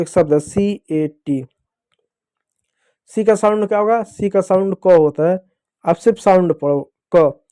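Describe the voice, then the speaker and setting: An English teacher with a high, warm voice gives a classroom-style phonics lesson, recorded dry in studio quality. He is patient, repeating questions and then answering them himself.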